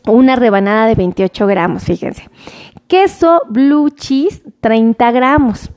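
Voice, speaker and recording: A woman talks to her viewers on a live stream, running down a list of portions and pausing to greet commenters by name. Her voice sits high, and she keeps coming back to ask people to share. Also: a little mellow. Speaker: nutrition livestream host.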